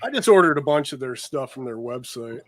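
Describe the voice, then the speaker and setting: A man's voice: medium pitch, lively intonation, brisk. A man chatting casually with friends, showing off records he picked up, rambling a little with fillers as he goes. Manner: laid-back, rambling, trails off with fillers. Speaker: record collector showing his finds. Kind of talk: casual chat among friends.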